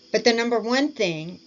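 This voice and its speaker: A woman teaching speech and swallowing exercises, over-articulating practice words and clearing her throat often. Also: on the high side, highs cut off, a little hiss or hum. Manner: deliberate, over-articulated word drills with frequent throat clearing. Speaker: speech therapy instructor. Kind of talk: slow instructional walkthrough.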